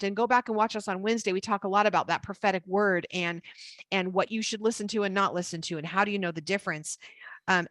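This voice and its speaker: Woman teaching with slow emphatic pauses. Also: mid-range voice, no echo. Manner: storytelling, slows for emphasis. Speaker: Bible teacher and co-host. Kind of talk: casual Bible study chat.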